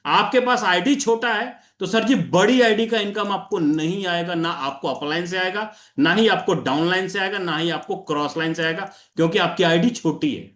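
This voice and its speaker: A man's voice: sits high, fairly bright tone, roomy sound. A man presenting an income plan over a screen share, repeating himself and answering his own questions while calling listeners sir.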